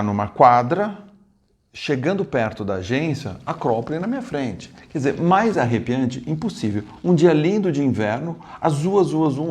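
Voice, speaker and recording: A man from Brazil telling a travel story to camera in a casual, animated way, with many asides and restarts. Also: mid-range voice. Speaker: travel vlogger.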